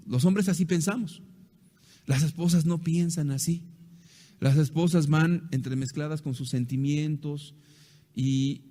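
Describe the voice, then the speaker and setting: A man with a fairly high voice preaches a sermon, posing rhetorical questions and acting out little quotes as he teaches. His voice rings with a long hall reverb. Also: dark tone. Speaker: pastor. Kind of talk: sermon on marriage.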